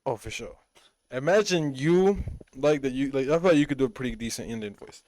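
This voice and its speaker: A man's voice: medium pitch, animated, fairly quick, a little mellow, no room sound. A man co-hosting a podcast in casual chat, blunt and swearing freely. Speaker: podcast co-host.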